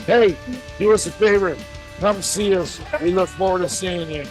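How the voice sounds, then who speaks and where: A man's voice: high-pitched, moderate pace, faint music behind, low-quality recording. A man with a St. hosting a casual promotional chat from his bar, enthusiastic and fired up. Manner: enthusiastic, hyped-up booster. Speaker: bar owner and podcast host. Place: indoors at a bar.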